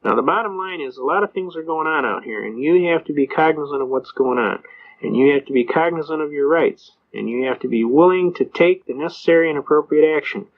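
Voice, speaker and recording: A man's voice: a little high, a little fast, narrow, tinny audio. An older man and Vietnam veteran talking in a rambling, folksy storytelling way, with plenty of "uh" fillers. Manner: folksy, anecdotal, acts out quoted voices. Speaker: speaker giving advice on citizens' rights.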